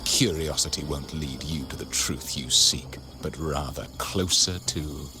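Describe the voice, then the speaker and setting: A man's voice: extremely low pitch, measured pace. A man voicing a sinister, devout male cultist noble in a video game, solemn and menacing. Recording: game audio with music behind.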